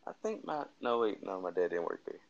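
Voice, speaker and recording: A man's voice: deep voice, very animated, a little fast, lo-fi sound. A tired young man co-hosting a casual late-night chat, laid-back and hedging as he talks. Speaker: co-host.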